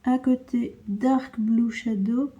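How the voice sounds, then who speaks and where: A fairly high-voiced young woman talks unhurriedly through a creative vlog. She narrates each step as she unboxes and tries out paints, dropping small asides to her viewers. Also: fairly even intonation, takes it slowly, dark tone, lo-fi sound. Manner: chatty, narrates her own hands-on work with little asides. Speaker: art vlogger. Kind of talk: casual chat while unboxing and swatching paints.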